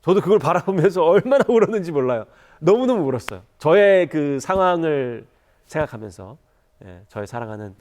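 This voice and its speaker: A man's voice: fairly high pitch, big pitch swings, fairly quick, a little mellow. A Korean man preaching a church sermon, telling a moving story and rising to fervent appeals. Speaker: pastor.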